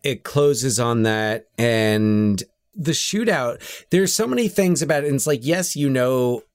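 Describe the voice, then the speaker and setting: A man co-hosting a casual film discussion, his voice rising and falling with eager enthusiasm. He talks slowly, stopping to restart his sentences, and slips in jokes. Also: medium pitch, animated, dry recording, clean studio sound. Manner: enthusiastic, joking, hesitant restarts. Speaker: podcast co-host.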